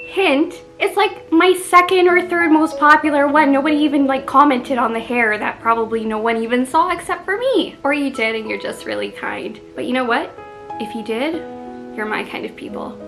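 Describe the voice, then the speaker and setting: A woman's voice: high-pitched, normal speed, a bit bright, poor audio. Chatty Canadian woman vlogging, music behind. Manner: chatty, self-deprecating, lots of "like". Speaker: book vlogger. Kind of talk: casual chat to camera.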